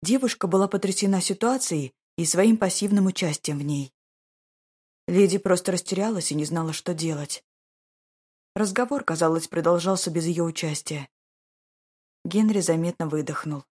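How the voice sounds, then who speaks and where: A woman narrates an audiobook in a slow, measured, even delivery. Her voice is low and husky. The reading stays steady throughout. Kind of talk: scripted narration of a romance novel.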